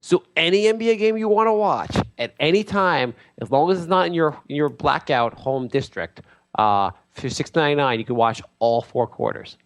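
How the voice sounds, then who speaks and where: A man improvises a comedy bit as a self-styled lord with sports-insider airs, pompously rambling through a grand sales pitch. His delivery is animated at a moderate pace.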